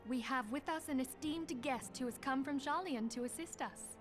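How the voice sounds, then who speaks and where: An actress voicing a courteous, dignified leader in a video game, speaking formally and politely over music. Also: female voice, high-pitched, normal speed, lightly acted. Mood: formal, composed.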